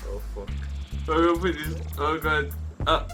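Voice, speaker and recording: A man's voice: fairly high pitch, expressive, normal speed. A young man chatting casually in a challenge video with a friend, slangy and giggly, swearing and exclaiming. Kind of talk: casual chat, challenge quiz between friends. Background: music.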